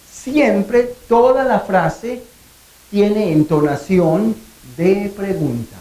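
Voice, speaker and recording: Mujer profesora de idiomas, voz muy expresiva. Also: female voice, mid-range voice, darkish tone, echoey room, rough recording. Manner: clear, deliberate, stretches phrases to show question intonation. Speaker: language teacher. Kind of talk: scripted language lesson.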